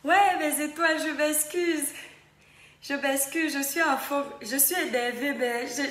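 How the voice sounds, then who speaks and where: A woman's voice: high voice, unhurried, fairly bright tone, a little hiss or hum. A woman hosting a casual live stream, greeting viewers by name and breaking into little bits of song. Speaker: livestream host. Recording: echoey room with music behind.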